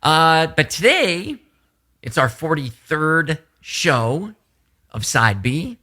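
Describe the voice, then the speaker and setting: A man co-hosting a podcast in casual chat, animated and quick to laugh. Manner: animated, laughs often, swoops up in pitch. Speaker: podcast co-host.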